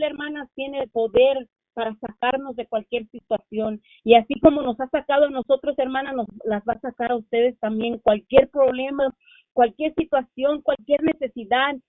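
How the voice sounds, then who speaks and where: A middle-aged woman gives a fervent religious testimony and keeps calling out to her sisters as she speaks. Her voice sits a little high. The sound is dry and tinny, like a phone call with no room around it. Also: no echo. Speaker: church member giving testimony.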